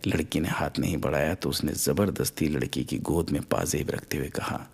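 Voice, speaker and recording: A man's voice: a bass voice, normal speed, gravelly, husky. A man narrating a short story, expressively raising his voice for the characters' lines.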